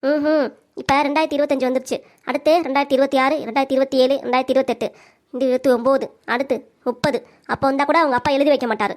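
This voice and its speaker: திருநெல்வேலி வட்டார வழக்கில், கேலியும் திட்டுமாகப் பேசும் வயதான சூழ்ச்சிக்கார மாமியாராக ஒரு பெண் குரல் கொடுக்கும் cartoon. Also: female voice, high-pitched, steady tone, racing, close to an everyday voice. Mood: mocking. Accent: Tirunelveli Tamil. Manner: taunting, scolding. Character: sharp-tongued scheming older mother-in-law. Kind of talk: cartoon comedy voice acting.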